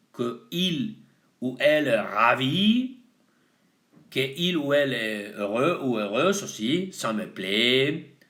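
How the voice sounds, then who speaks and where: Slow, lively-voiced man teaching vocabulary. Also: medium pitch. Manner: slow, deliberate, switching between French and Spanish. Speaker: French teacher. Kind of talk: bilingual vocabulary lesson.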